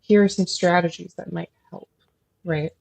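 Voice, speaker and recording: Creaky, husky-voiced woman guest. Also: lowish voice, steady tone, normal speed, a little mellow, dry recording. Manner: thoughtful, explains at length with many fillers; admits feeling nervous while explaining. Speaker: social worker guest. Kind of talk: casual podcast interview.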